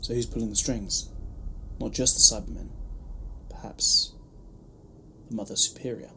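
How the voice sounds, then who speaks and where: An actor in an audio drama playing the Doctor, a brisk, grave and protective time traveller who speaks with urgent emphasis. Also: medium pitch, fairly even intonation, pushed and bright, in a whisper. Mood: grim, probing.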